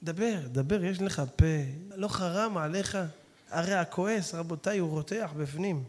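Guy preaching a sermon, high sharp voice, goes from hushed to yelling, long hall echo. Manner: swings from hushed to shouting, addresses listeners directly. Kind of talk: Torah sermon to an audience.

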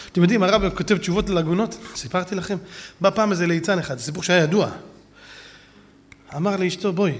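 Animated, high-voiced Hebrew preacher. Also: male voice, big-room sound. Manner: animated storyteller who acts out quotes, often shouting. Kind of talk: sermon with stories.

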